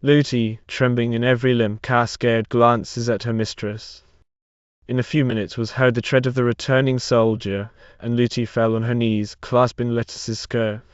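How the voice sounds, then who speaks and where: A man reads a romance novel aloud at an even, measured pace. His voice is recorded dry and close, with a slightly dull, muffled tone. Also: medium pitch, clear, resonant tone, no room sound. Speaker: story reader.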